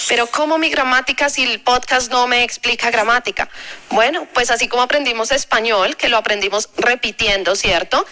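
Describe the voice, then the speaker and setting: Bright high-voiced woman teaching. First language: Spanish. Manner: friendly, direct second-person coaching. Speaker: English teacher. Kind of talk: casual video lesson.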